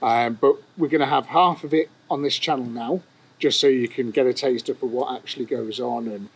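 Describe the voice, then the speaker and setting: A man's voice: medium pitch, moderate pace, slightly rough, poor audio. A man hosting a podcast in casual chat, rambling and hesitant with many fillers, recorded outdoors at his workshop on a clip-on mic. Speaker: podcast host.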